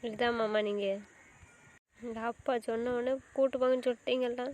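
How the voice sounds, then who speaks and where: Woman acting as a hurt young wife, fairly high voice, insistent scolding tone. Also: flat delivery, a little fast, a little mellow, close to an everyday voice. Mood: angry. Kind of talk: amateur web drama acting.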